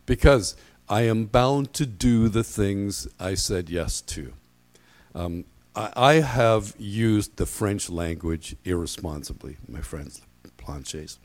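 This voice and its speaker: Low-voiced, self-deprecating male preacher. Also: animated. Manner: self-deprecating, halting storytelling. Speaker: pastor giving a sermon. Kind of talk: conversational sermon with personal anecdotes.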